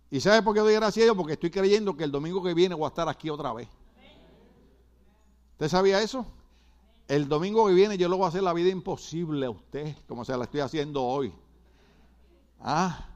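A man's voice: sits high, clean tone. A middle-aged man from Puerto Rico with a Puerto Rican accent, preaching a sermon with emphatic repetition and asides to the congregation. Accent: Puerto Rican Spanish. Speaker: pastor.

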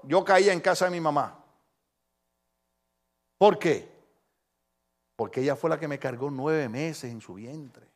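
Man, puerto rican accent, middle-aged, pastor, sermon, high voice, rhetorical questions. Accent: Puerto Rican Spanish. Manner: animated storytelling with rhetorical questions to the congregation.

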